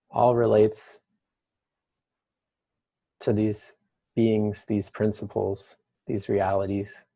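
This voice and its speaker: A man leading a guided meditation with the slow, hushed delivery of a mystical healer. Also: lowish voice, vocal fry.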